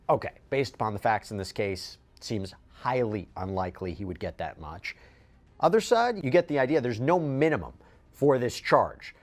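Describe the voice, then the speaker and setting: A male legal show host walks through sentencing ranges and motions with a lively, swinging voice. His pitch sits in the middle for a man, and he talks in a measured, explanatory way. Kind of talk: legal analysis chat.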